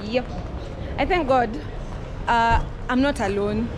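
A woman's voice: fairly high pitch, slow pace. A woman from Kenya with a Kenyan accent, casually narrating a travel vlog outdoors. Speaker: vlogger. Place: outdoors on a busy city street. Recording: loud street and traffic noise.

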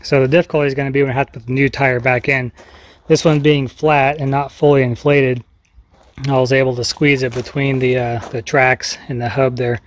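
A mid-range-voiced man in his thirties vlogs outdoors in a homestead farmyard, holding the camera at arm's length and recording on its built-in mic. He's easygoing and plainspoken, explaining a repair as he works in a casual how-to style.

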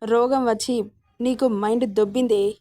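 A woman's voice: fairly high pitch, steady tone, moderate pace, dark tone, dry recording, faint music behind, close to an everyday voice. A woman voicing a domineering young husband who scolds and teases sarcastically. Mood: scolding.

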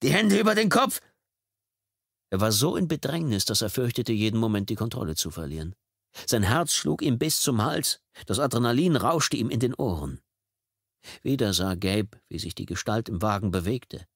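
Man, low voice, audiobook narration, tense dramatic telling, close dry studio sound. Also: lively intonation, normal speed, gravelly, husky, dry recording. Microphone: studio microphone, close.

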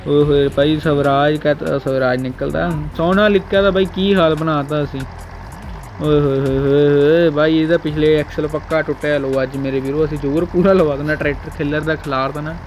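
Young man, fairly high voice, casual gaming commentary, bantering, repetitive exclamations, music in the background. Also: a little fast, hardly any pauses. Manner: bantering, exclaims and repeats short phrases. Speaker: gaming video creator. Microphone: voice-over recorded over gameplay.

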